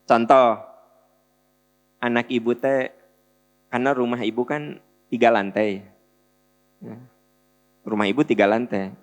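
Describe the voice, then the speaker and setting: Animated Sundanese-accented male preacher, hall reverb. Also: a little slow, pauses often. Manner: animated, acts out family dialogues with shifting pitch. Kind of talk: sermon.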